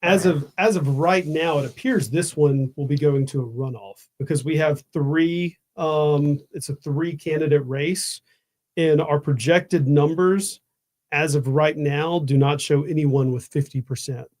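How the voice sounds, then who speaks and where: Male analyst, somewhat high voice, calm and directive. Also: a little slow. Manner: directive, organizing the coverage.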